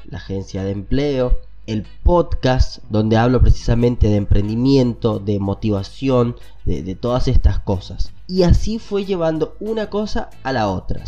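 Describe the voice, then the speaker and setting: With highs cut off from the audio, a man with a medium-pitched, dark voice hosts a podcast in a Latin American Spanish accent. His nose is congested from a cold as he addresses listeners directly in a casual, conversational motivational monologue.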